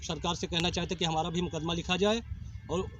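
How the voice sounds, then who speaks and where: Deferential higher-voiced man in noisy recording. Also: flat delivery, fast talker. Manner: deferential, brief answers. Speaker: interviewee, aggrieved villager. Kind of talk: answering interview questions. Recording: noisy field recording with clicks. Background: clear background noise, clicks.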